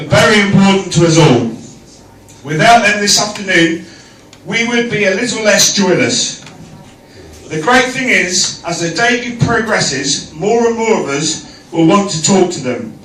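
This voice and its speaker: A man's voice: sits high, lively intonation, measured pace, fairly bright tone, a little hiss or hum. A man giving an informal, jokey wedding toast as best man, projecting his voice to a room. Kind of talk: informal wedding toast speech with comic rhyming verse. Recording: echoey room, picked up from far off.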